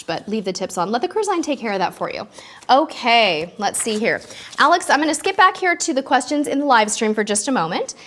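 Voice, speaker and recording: Slightly bright and mid-range, this woman's voice carries a live cruise-tips stream where she answers questions from viewers. She stays chatty and upbeat with lots of ums, and allergies leave her a bit stuffy.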